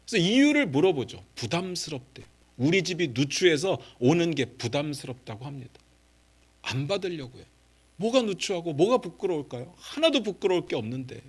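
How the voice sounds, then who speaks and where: A middle-aged male pastor preaching a sermon, moving between quiet asides and raised, impassioned pleas and leading the congregation in reading scripture aloud. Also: fairly high pitch, very animated, brisk, husky.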